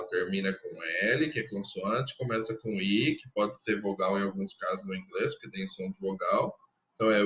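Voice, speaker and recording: Bright-voiced Brazilian teacher explaining patiently. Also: male voice, lowish voice, highs cut off. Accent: Brazilian Portuguese. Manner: patient, explains step by step, repeats example sentences slowly. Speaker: English teacher. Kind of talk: recorded classroom lesson.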